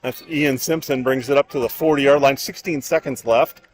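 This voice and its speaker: A man's voice: medium pitch, fairly even intonation. Man calling football play-by-play. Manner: brisk, rises to shouting on big plays. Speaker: play-by-play announcer. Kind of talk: live football play-by-play commentary.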